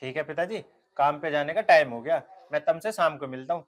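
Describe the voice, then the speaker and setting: A man's voice: fairly high pitch, fast talker, natural voice. A man playing an earnest young villager. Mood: respectful. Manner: earnest, heartfelt. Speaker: headman's son, laborer. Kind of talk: rural comedy film acting.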